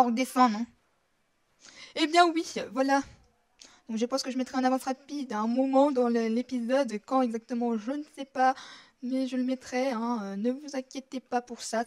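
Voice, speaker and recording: A woman commenting casually while playing a horror game, chatty and rambling. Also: fairly high pitch. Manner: chatty, rambling, drops to whispers when tense. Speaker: gaming YouTuber. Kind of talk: casual let's-play commentary.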